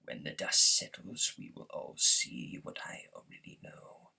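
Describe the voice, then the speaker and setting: A man voicing a thunderous, wrathful alien prophet from a video game, pompous and zealous, with a husky, gravelly, breathy voice and grand, solemn oratory. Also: unhurried, sharp tone, whispered, far from the mic. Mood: reverent, grandiose. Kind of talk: theatrical game villain impression, grand speeches.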